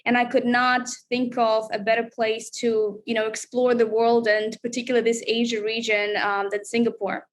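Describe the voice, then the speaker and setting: A woman's voice: fairly high pitch, little pitch movement, normal speed, hardly any pauses, slight background noise. Chatty woman. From Russia. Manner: upbeat, chatty, with many fillers. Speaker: reality show contestant, guest. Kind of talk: casual interview chat.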